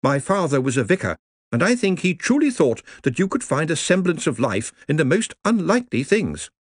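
A man's voice: a little high, very animated, fairly quick, no echo, clean studio sound, voice pushed up. A man voicing a proper, earnest middle-aged woman librarian who is a vicar's daughter.

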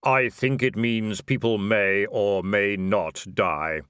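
A man voicing Death as a tall robed figure who speaks slowly, calmly and with polite matter-of-factness in an audiobook, in a dry studio. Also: fairly low pitch, clear, resonant tone, dry recording. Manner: slow, measured, politely matter-of-fact. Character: tall dark robed Death, calm, slow, mild. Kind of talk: audiobook character voice.

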